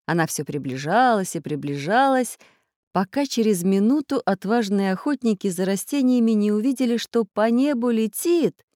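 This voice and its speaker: A woman narrating a children's storybook, her voice swinging widely up and down to keep the tale lively. It sounds close-miked and dry, with no room around it. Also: medium pitch, moderate pace, dry recording. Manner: animated, expressive reading.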